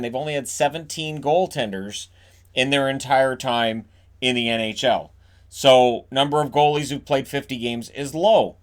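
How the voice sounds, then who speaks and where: A man in a relaxed, chatty delivery, talking hockey numbers straight to his viewers. His voice sits at an ordinary middle pitch. He restarts phrases often and lets sentence endings drop off. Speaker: hockey video host. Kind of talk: casual talk to camera.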